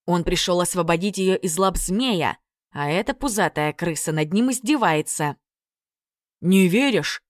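A woman reading a fairy-tale audiobook in a measured, expressive way. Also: on the low side, dry recording, studio quality. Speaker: narrator.

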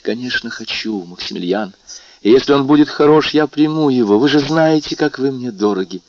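A man's voice: mid-range voice, expressive, a little fast, darkish tone, highs cut off, slight background noise, voice pushed up, lightly acted. A man reading aloud and voicing a distressed young woman torn by duty, pleading and agitated.

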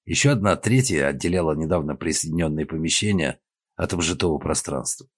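A man narrating an audiobook with a husky voice, steady and measured, recorded close to the mic. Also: extremely low pitch, no echo. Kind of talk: scripted narration.

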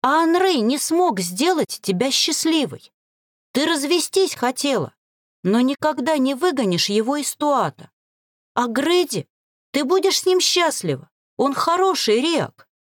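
A woman's voice: on the high side, big pitch swings, moderate pace, few pauses, a little mellow, no room sound, studio quality, pitched above the performer's own voice. A woman voicing a guilty middle-aged woman in a storybook, pleading and insistent.

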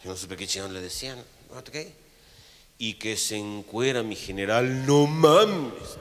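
A middle-aged man with a Mexican accent telling a crude comic story, profane and animated, acting out the voices and shouting at the punchlines. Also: lowish voice, measured pace. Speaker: storyteller comedian.

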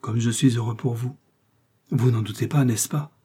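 A man reading aloud, voicing a torn, passionate young man who speaks in an emotional, halting way. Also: medium pitch, fairly even intonation, warm tone, breathy edge. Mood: moved.

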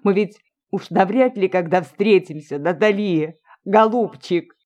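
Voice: mid-range voice, measured pace, darkish tone, dull audio, natural voice. A reader voicing an elderly, pious, tearful woman who speaks earnestly and imploringly in an audiobook. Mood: pleading. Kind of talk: audiobook reading.

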